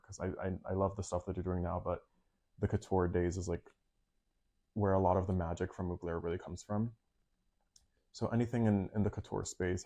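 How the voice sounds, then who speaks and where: Young male designer from Panama, twenties; low, mellow voice, even delivery, loose casual answers full of fillers. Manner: casual, fillers like 'like', soft-spoken. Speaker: fashion designer. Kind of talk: interview answers.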